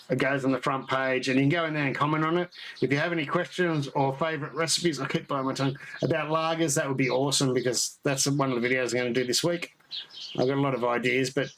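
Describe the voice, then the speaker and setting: A man's voice: medium pitch, fairly bright tone. Male host, mid-range voice, chatty and rambling, noisy outdoor audio with birdsong. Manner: rambling, chatty, laughs often. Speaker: homebrew channel host. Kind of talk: casual live-stream chat. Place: at home, near the garage, partly outdoors.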